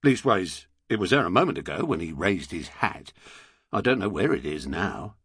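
A man doing a gruff grumbling policeman. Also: deep voice, big pitch swings, normal speed, a bit bright, no room sound, studio quality, exaggerated voice. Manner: blunt, grumbling. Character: gruff middle-aged male London policeman.

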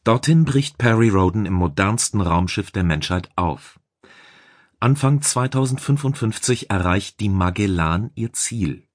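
Deep-voiced male audiobook narrator. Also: dry recording, studio quality. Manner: calm, measured storytelling. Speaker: audiobook reader.

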